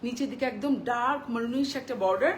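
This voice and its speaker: A chatty woman in her thirties runs a live stream clothing sale, thanking viewers one by one and slipping English phrases into her talk. Her voice sits a little high, and she talks softly after dental surgery. A faint hiss of noise hangs behind her. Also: fairly quick. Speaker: online clothing seller hosting a live sale. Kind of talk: live-stream sales chat.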